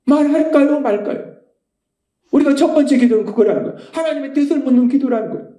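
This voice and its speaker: A middle-aged man preaching a sermon as pastor, emphatic and passionate, dropping to hushed tones when quoting. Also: very high voice, rapid-fire. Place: church sanctuary. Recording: echoey church hall.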